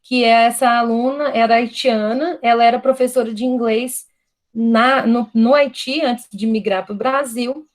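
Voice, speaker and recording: Unhurried and steady, a slightly high-pitched woman's voice delivers an online university lecture. The speaker is a Brazilian guest lecturer with a Brazilian Portuguese accent who thinks aloud, often restarting and leaning on the tag "né?".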